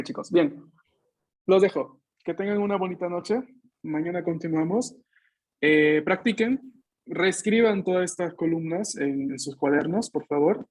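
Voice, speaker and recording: This man's voice sits a little high and has a slightly mellow quality. He runs a Japanese lesson online by video call, patiently explaining, slowly demonstrating sounds for the class to echo back, and often tacking tag questions onto his phrases.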